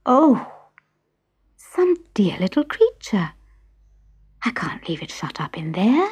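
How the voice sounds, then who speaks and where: A woman's voice: fairly low pitch, wildly swooping pitch, moderate pace, a little mellow, slightly rough, heavily acted. A woman voicing a curious young woman who whispers to herself, tempted and torn. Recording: music playing behind.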